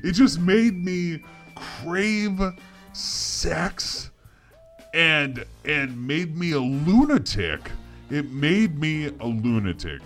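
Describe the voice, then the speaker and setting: A man playing a boastful, drunken alien starship captain, rambling and halting in improvised comedy. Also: a little high, very animated, faint music behind, heavily acted. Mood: slurred, rambling. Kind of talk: improvised comedy role-play.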